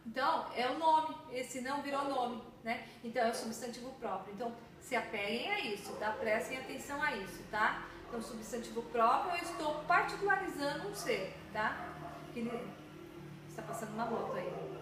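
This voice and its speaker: Recorded at home with traffic outside, in a very echoey room far from the mic, a woman with a Brazilian Portuguese accent teaches children grammar. Her voice is a little high, animated and fairly quick, with background noise. She explains patiently and frequently checks in with her students.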